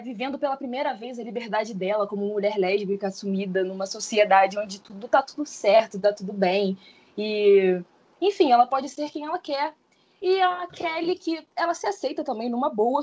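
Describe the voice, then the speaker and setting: Woman, 20s, high voice, rambling guest who hedges a lot. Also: darkish tone, slightly rough. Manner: explains at length, with frequent hedging fillers. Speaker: podcast guest. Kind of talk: casual podcast discussion.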